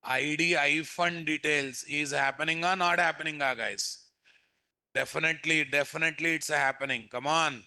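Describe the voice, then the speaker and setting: A man's voice: a little high, fairly even intonation, normal speed, pushed and bright. A man with a Telugu Indian accent teaching a live coding lesson, repeating phrases and prompting students with questions. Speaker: programming instructor.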